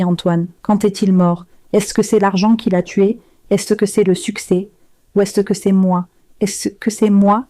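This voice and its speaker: A woman narrates a first-person story in a measured, grave, restrained voice. Her tone is mellow and dark, with a warm low edge. The recording is dry and close, with no room around her. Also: no echo.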